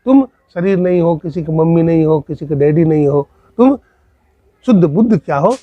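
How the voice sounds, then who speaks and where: Male spiritual teacher, sermon, husky voice and a bit high, dry close sound. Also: animated, normal speed, no room sound, dull audio. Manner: storytelling, asks rhetorical questions. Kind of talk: Hindi sermon with acted dialogue.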